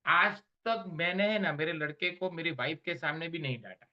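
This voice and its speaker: A man's voice: on the high side, normal speed, highs cut off. A man giving a motivational business training talk, emphatic and mixing English slogans into his explanations.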